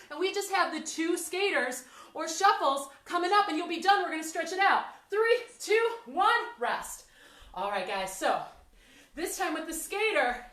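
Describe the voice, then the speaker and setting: A woman's voice: very high-pitched, sharp tone. A woman fitness instructor leading a workout class, out of breath, encouraging the class and counting down reps. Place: fitness studio. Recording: echoey room, mic at a distance.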